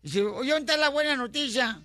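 A man hosting a radio show, loud and playfully teasing as he trades jokes. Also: very high-pitched, lively intonation, a little fast, dry recording, soft background music. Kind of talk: joking radio banter.

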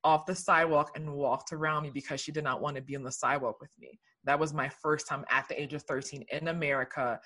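A woman's voice: low voice, fairly even intonation, fast, few pauses, fairly bright tone. A woman from Liberia, a guest telling her story in an earnest, reflective way during a casual conversation.

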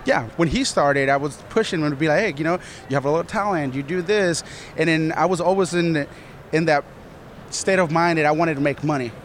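A man's voice: fairly high pitch, a little fast, a little hiss or hum. A man from Colombia answering interview questions earnestly, rambling with many "you know"s. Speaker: studio manager, guest.

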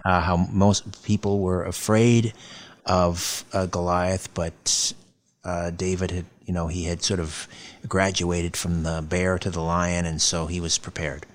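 A man's voice: sits low, level tone, measured pace. A man hosting a late-night radio interview show. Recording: music bed under voice. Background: music.

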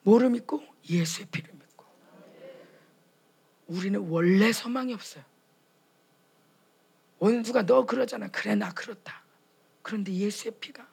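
A woman's voice: medium pitch, measured pace, vocal fry, long pauses, darkish tone, slightly rough. A woman preaching a sermon at a retreat for pastors' wives, speaking with passion and acting out short quoted dialogues. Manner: impassioned, acts out quoted dialogues.

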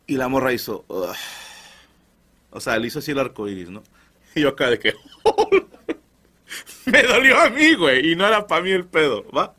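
A Mexican man hosting a comedy podcast, telling stories loudly with crude slang and jokes. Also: medium pitch, brisk, pauses often. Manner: crude, animated, joking slang. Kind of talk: loud comic storytelling.

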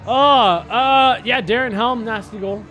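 Bright, high-voiced man bantering about sports. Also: slow pace, dull audio, soft background music. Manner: wry, joking. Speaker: podcast co-host.

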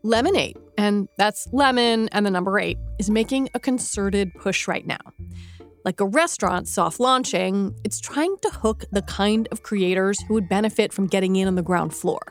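A woman's voice: mid-range voice, normal speed, faint music behind. A woman hosting a podcast, reading scripted journalistic narration. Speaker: podcast host.

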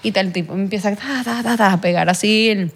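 Woman telling her story haltingly. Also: medium pitch, slight background noise. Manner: halting, many fillers and restarts, earnest. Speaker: guest. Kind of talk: personal testimony in a podcast interview.

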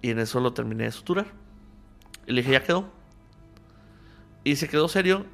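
A man's voice: mid-range voice, animated, moderate pace, vocal fry, fairly bright tone, faint music behind. A man with a Mexican accent, a podcast guest telling a story in casual conversation and acting out both sides of the dialogue he remembers. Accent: Mexican Spanish.

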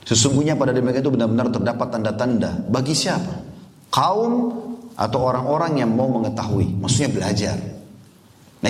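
A man's voice: medium pitch, darkish tone. A male preacher giving a sermon, earnest, with many rhetorical questions to his listeners. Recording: echoey hall reverb.

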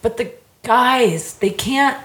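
A woman's voice: on the high side, animated, takes it slowly, echoey room. A woman chatting casually and candidly in informal, slangy language, with lots of "like".

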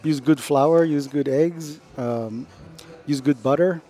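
A middle-aged man, a chef, talking about his restaurant in a relaxed, unhurried way with lots of fillers. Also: a little high. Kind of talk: casual interview chat.

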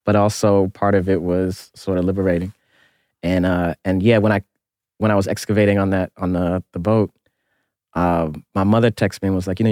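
An archaeologist in conversation, a man recounting his experiences earnestly and thoughtfully. His voice is on the low side. The sound is dry and close to the mic. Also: darkish tone, no room sound. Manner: earnest, reflective storytelling. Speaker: archaeologist interviewer. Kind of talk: reflective interview conversation.

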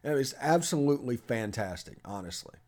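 A man's voice: medium pitch, animated, fairly quick, a little mellow. A man who hosts a sports podcast, giving emphatic opinions and reading an ad. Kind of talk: opinionated sports talk and host-read ad.

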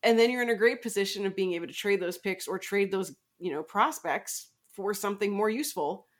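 A woman's voice: medium pitch, fairly quick. A woman co-hosting a casual sports podcast, joking and laughing often. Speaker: podcast co-host. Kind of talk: casual chat.

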